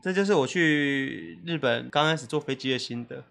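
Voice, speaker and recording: A man, co-hosting a podcast and telling stories in an animated way, acting out quotes. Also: mid-range voice, moderate pace, creaky. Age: 30s. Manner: animated, acts out quotes, laughs often. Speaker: podcast co-host. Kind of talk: casual storytelling chat.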